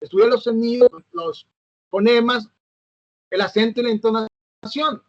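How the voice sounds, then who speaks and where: A man with a high voice talks through a lesson he is recording alone. He hesitates, fills gaps and corrects himself, checking in with "¿no?". The sound is dull and lo-fi, in a dry, close space. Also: measured pace, no room sound. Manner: hesitant, fillers and self-corrections, asks "¿no?". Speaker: teacher. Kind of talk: recorded online lecture.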